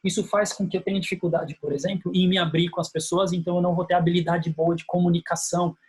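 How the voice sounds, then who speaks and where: A man teaching a lesson, walking through slides in an explanatory way and slowly acting out phrases that parents say. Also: sits high, level tone, darkish tone. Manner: explanatory, repeats key phrases. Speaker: instructor. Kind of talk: explaining slides in a lecture video.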